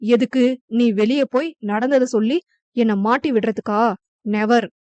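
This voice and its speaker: A woman's voice: fairly high pitch, normal speed, darkish tone, no room sound, lo-fi sound, close to an everyday voice. A woman voicing a scheming, greedy middle-aged husband who sneers with cold menace. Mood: menacing.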